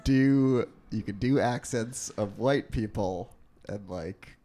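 Low-voiced joking podcast host, man. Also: slow pace, warm tone. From New York. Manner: joking, talkative, leads the conversation. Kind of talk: casual chat.

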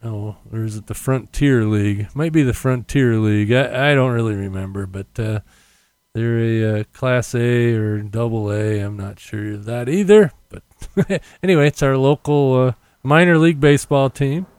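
A man's voice: mid-range voice, steady tone, moderate pace, a little mellow, clean tone, no echo, studio quality. American man with popping p's, casual podcaster. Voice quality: popping p sounds on the mic. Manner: rambling, self-correcting. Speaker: podcast host. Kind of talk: casual unscripted solo podcast chat. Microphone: condenser mic without windscreen.

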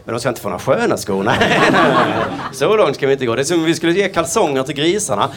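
A man doing a stand-up routine, telling absurd deadpan jokes and slipping into quick voiced asides. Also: mid-range voice, very noisy. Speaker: stand-up comedian. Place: comedy stage before a live audience. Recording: stage mic with loud audience laughter.

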